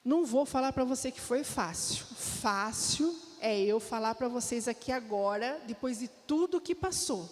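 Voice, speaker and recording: A woman with a Brazilian Portuguese accent shares a heartfelt personal testimony with a church congregation, telling her story and often speaking directly to those listening. Her voice is a little high and mellow, with lively intonation, an unhurried pace and hardly any pauses. The church hall gives the recording a long reverb.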